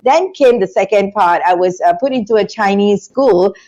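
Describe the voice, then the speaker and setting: A woman's voice: mid-range voice, normal speed, rough recording. Chatty woman telling her story. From Singapore. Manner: animated, chatty storytelling with frequent restarts and laughs. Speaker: interview guest, business school founder. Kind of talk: conversational interview storytelling.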